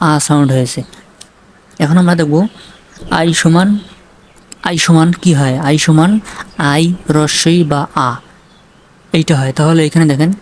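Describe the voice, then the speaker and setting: A man's voice: fairly high pitch, darkish tone. Man teaching spelling, quizzing himself. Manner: asks questions then answers them himself; spells words out letter by letter. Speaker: English teacher. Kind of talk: spelling and pronunciation lesson.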